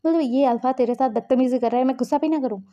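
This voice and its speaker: A woman's voice: high voice, quick pace, dark tone, natural voice. A woman voicing an angry, protective middle-aged uncle who scolds harshly, with a dull lo-fi sound. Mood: furious.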